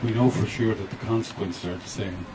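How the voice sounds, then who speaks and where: A man's voice: fairly low pitch, fairly even intonation, a little fast. A man giving an earnest, emphatic talk to a crowd outdoors on a walking tour. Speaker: tour speaker. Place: outdoors in a city street. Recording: distant outdoor recording with street noise.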